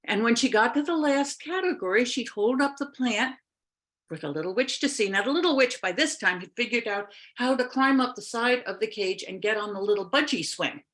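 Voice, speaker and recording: A woman storyteller spinning a fairy tale for a live audience over a video call. Her telling is expressive and unhurried, with long pauses that let images settle. Her voice sits a touch high.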